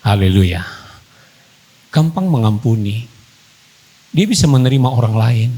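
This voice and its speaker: A male pastor giving a wedding sermon to a couple. He repeats key phrases for emphasis and moves between quiet counsel and raised preaching. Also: medium pitch, very animated, a little slow, low-quality recording.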